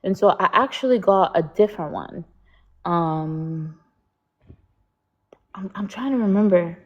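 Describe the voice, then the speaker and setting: A woman's voice: lowish voice, slow pace. A young woman hosting a live stream, chatting casually and switching between French and English. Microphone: laptop or phone on a live stream. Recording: dull lo-fi stream audio.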